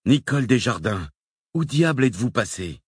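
A man's voice: mid-range voice, very animated, moderate pace, slightly rough, dry recording, clean studio sound, pitched above the performer's own voice. A man voicing a cheerful adult male rescuer who banters in a storybook reading. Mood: calling out.

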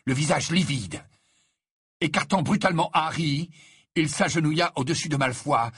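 A man reading an audiobook aloud in an expressive, dramatic way. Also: fairly high pitch, husky, no room sound, studio quality. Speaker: audiobook narrator. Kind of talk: scripted narration.

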